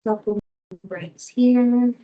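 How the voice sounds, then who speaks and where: A woman yoga instructor leading a restorative class in a soothing, gently encouraging manner. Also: on the high side, extremely slow, dull audio.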